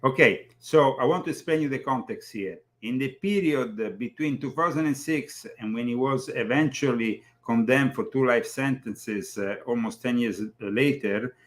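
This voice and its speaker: A man hosting a talk show, commenting casually in a halting way, with many fillers and quick laughs. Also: medium pitch. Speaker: show host.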